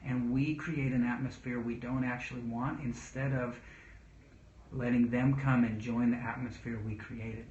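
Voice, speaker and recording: A man in his thirties, a father giving casual parenting talk to camera, earnest and rambling, pausing to read viewer questions. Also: medium pitch, fairly even intonation, darkish tone. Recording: echoey room, dull lo-fi sound.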